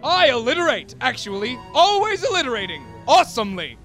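A man's voice: extremely high pitch, sing-song, brisk. A man playing a self-important, gallant suitor in a comic audio drama, with a pompous, theatrical way of talking. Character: flamboyant, self-important, alliterating gentleman suitor on a date. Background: music.

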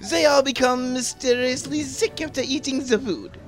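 A man's voice: very high voice, steady tone, normal speed. A man playing a haughty, petty waiter with a French accent in a comic audio drama, pompous and disdainful. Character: snobbish, haughty restaurant waiter, contemptuous and petty. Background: music.

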